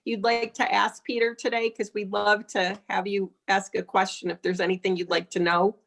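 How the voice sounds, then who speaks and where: A woman's voice: mid-range voice, little pitch movement, normal speed, gravelly, fairly bright tone. Chatty woman hosting a video call. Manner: welcoming, chatty. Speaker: call host. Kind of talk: casual group video call.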